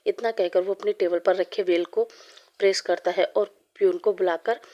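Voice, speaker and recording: A woman narrating a fan-fiction story in steady, short phrases. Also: medium pitch, normal speed, dull audio.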